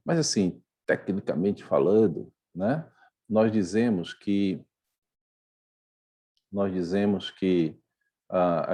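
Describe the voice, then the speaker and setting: A man's voice: on the low side, mellow, breathy edge. A Brazilian man teaching English grammar online in a Brazilian Portuguese accent, explaining step by step and often checking in with his students.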